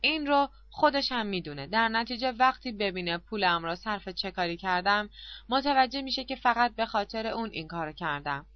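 A woman's voice: mid-range voice, lively intonation, no room sound, muffled recording, close to an everyday voice. A woman reading the part of a timid, flustered poor old man, who talks hesitantly and sheepishly, as in an audiobook. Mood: sheepish, confessing.

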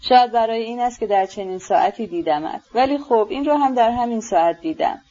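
A woman reading the part of a brooding, rough young merchant who speaks in blunt, passionate outbursts, in an audiobook. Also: a little high, animated, mellow, lo-fi sound. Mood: intense.

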